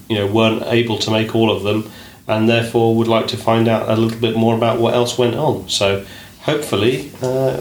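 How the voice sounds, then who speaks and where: A man hosting a casual podcast chat in a hotel room. He talks in a measured way, often says "indeed", and is recorded on low-quality audio. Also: a bit bright, roomy sound. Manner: measured, fond of saying "indeed", many "uh" and "um". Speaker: podcast host.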